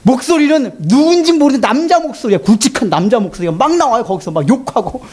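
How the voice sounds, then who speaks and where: A man preaching a sermon as a pastor, telling a story in an animated way and often laughing. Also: very high-pitched, fast talker, husky.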